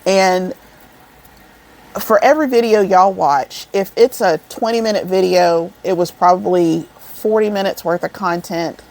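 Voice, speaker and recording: A woman in her forties rambles along in an easygoing vlog chat, calling her viewers y'all. Her voice sits a little low and carries a gravelly edge. She talks at an unhurried, slow pace. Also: darkish tone. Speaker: crochet vlogger. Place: indoors, seated over an air vent.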